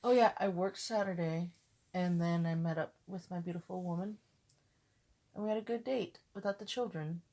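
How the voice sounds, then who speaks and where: Candid, low-pitched woman chatting. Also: normal speed, mellow. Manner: candid, profane, joking. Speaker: podcast co-host. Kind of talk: casual chat.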